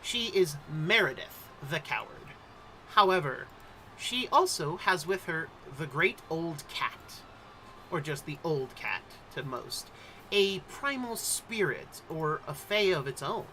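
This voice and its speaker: Male game master, theatrical storytelling, bright tone, faint background noise. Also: on the high side, big pitch swings, takes it slowly, poor audio. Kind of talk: introducing and narrating a tabletop game.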